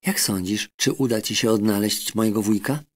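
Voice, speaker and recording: A man's voice: on the low side, moderate pace, close to an everyday voice. A man voicing a tearful, frightened young boy in a children's audiobook. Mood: eager. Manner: pleading, anxious storytelling.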